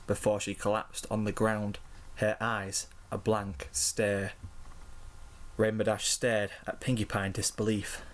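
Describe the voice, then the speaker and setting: A man reading a fan-written story aloud in slow, measured narration. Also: fairly low pitch, completely flat delivery. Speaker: fanfiction reader.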